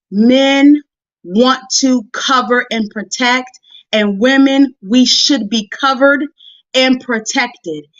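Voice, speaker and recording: On a live video stream, a high-pitched woman preacher gives a motivational sermon built on a Bible message, speaking to women directly in a folksy, conversational way. She repeats phrases to drive each point home, and the recording is dry and slightly dull, with no echo.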